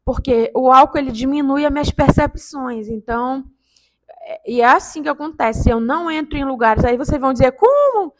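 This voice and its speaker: A woman in her fifties telling a personal story to camera in a casual, animated way, with sudden interjections. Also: high-pitched, fairly quick. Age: 50s. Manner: animated and excitable, with sound-effect interjections. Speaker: vlogger telling a paranormal story.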